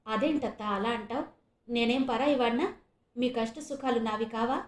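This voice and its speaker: A woman voicing a kind young man who reassures his aunt warmly. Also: on the high side, normal speed, reverberant, close to an everyday voice. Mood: reassuring. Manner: warm, reassuring.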